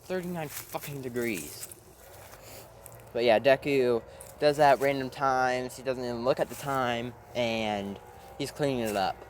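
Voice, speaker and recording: A man's voice: medium pitch, fairly even intonation, normal speed, a little hiss or hum. A man casually narrating a made-up fan story, rambling, with fillers and the odd swear word.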